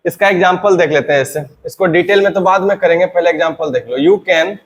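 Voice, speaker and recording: A man with a fairly high voice teaches grammar to a class. He keeps asking the students questions and answering them himself. He says each example sentence slowly, more than once.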